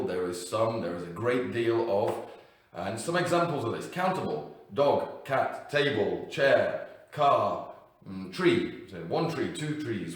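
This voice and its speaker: Male English teacher, unscripted, punchy stress on example words; distant mic, heavy room echo. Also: fairly low pitch. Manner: unscripted, with fillers and self-corrections, emphatic on example words. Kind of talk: explaining grammar to learners.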